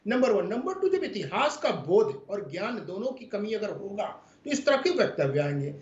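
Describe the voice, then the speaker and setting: Man, debate panelist, forceful and repetitive, roomy echo, dull muffled sound. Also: high voice, very animated, normal speed. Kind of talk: heated political argument. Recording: roomy, dull remote feed.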